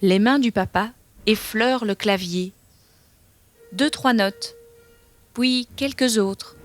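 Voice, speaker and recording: Woman, children's story narrator, unhurried, soft, expressive. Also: a little high, faint music behind.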